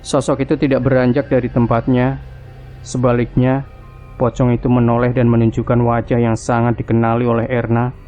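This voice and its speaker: A man narrating a scripted horror story in a hushed, creeping, suspenseful manner. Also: mid-range voice, completely flat delivery, normal speed, highs cut off, soft background music.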